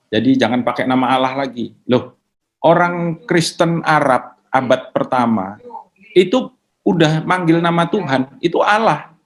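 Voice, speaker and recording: Casual man explaining faith questions. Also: fairly high pitch. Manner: casual, mixes in English words. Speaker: pastor answering questions. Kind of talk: conversational teaching.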